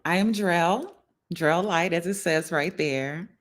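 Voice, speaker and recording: A middle-aged New Orleans woman hosts a wellness livestream, taking it slowly in a voice on the low side. Her tone is conversational as she addresses viewers directly and often seeks their agreement.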